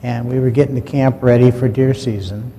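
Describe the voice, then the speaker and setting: Guy telling a folksy story, mellow voice, long reverb in a big room, bit of background hiss. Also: medium pitch, steady tone, a little fast, vocal fry. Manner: folksy, plain-spoken, quotes his dad in dialogue. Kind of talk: recounted personal story. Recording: long hall reverb, faint ambient noise.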